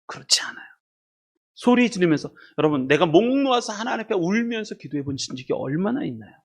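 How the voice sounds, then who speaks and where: Guy preaching, high and swoopy, very animated, keeps asking the crowd questions. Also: fast, creaky. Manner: passionate preaching, asks the congregation questions and leads call-and-response. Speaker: pastor. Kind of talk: sermon. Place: church sanctuary.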